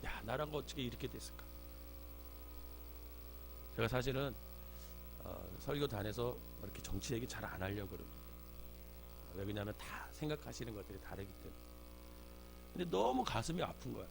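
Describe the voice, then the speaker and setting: A man's voice: fairly low pitch, lively intonation, brisk, vocal fry, pauses often. A man preaching an early-morning sermon as pastor, earnest, rising in force when he quotes scripture. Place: church sanctuary. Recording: faint mains hum.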